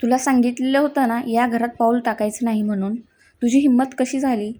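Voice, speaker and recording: A woman's voice: a little high, fairly even intonation, brisk, dark tone, lightly acted. A woman doing a desperate young husband. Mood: furious. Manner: pleading, shaky.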